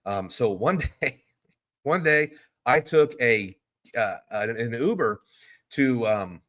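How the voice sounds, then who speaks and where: A man hosts a casual live stream from a hotel room, chatting loosely and answering viewer questions in a rambling, easygoing way. His medium-pitched voice is expressive and fairly bright, and he speaks slowly.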